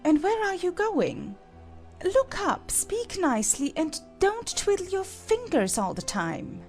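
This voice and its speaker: A woman's voice: very high-pitched, huge pitch swings, slow, soft background music, heavily acted. A woman playing a haughty, bossy chess-piece queen in a dramatized children's audiobook, with an imperious, correcting manner. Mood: stern, commanding.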